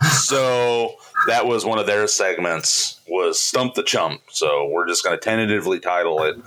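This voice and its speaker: A man's voice: low-pitched, normal speed, bright, forceful tone, poor audio. A man co-hosting a podcast in casual chat, playful and laughing often as he quizzes his co-host.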